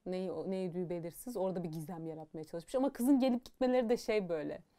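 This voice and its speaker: A young woman chats through a book review in a casual, animated way, opinionated and blunt, her voice soft and warm in tone. She leans on fillers and asides as she goes. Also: fairly low pitch, fast talker.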